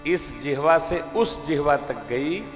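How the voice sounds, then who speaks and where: A man preaching a devotional sermon, dramatic, swinging from loud emphasis to quiet asides, and now and then breaking into sung verse. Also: a little high, takes it slowly. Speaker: katha preacher. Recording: long reverb of a large hall with faint music.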